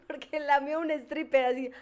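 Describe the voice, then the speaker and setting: A woman's voice: high-pitched, a little mellow. A young adult woman with a Mexican accent, telling a story in a casual chat, slangy and laughing, acting out what others said. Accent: Mexican Spanish. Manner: laughing, slangy, acts out quoted voices.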